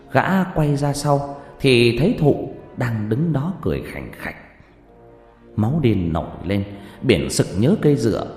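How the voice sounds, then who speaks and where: A male storyteller narrates a ghost story with theatrical flair, his pitch swooping up and down. His voice rings in a roomy reverb. Faint music plays underneath. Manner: theatrical, swinging pitch and loudness.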